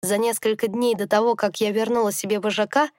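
A woman performs the part of a wry old she-wolf grandmother in a voice close to her everyday one. It is medium-pitched, fairly level, somewhat quick, and a touch mellow, captured in a dry, clean studio recording.

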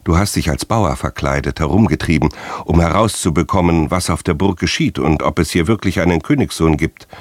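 A man's voice: lowish voice, expressive, moderate pace, darkish tone, dry recording, voice pushed up. A man playing a harsh, cutting interrogator. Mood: furious. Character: stern male teacher interrogating harshly.

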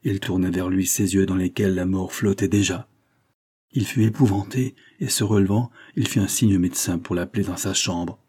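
A man narrating a classic novel as an audiobook, in a measured, dramatic reading. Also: low voice, steady tone, dark tone, slightly rough.

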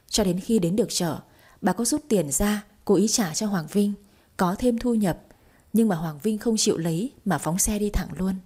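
A woman calmly narrating a romance story in an even storytelling manner. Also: mid-range voice, slightly rough.

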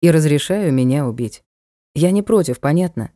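A blunt young knight, voiced by a woman reading an audiobook needles and teases in a low, mellow voice. He talks in a brusque, matter-of-fact way. The recording is dry and close. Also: expressive, moderate pace, no room sound. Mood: teasing. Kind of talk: audiobook character voice.

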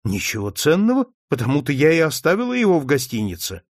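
A man voicing a quiet, earnest young woman defending herself against an accusation. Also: a little high, wildly swooping pitch, quick pace, dry recording, studio quality. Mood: earnest defensive.

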